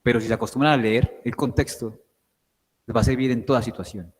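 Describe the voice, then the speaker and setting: A man's mid-range, steady voice moves fairly quickly through a guest lecture on word parts, with a big-room sound. He explains via questions and often asks "right?" or "¿sí?" to make sure the class is following.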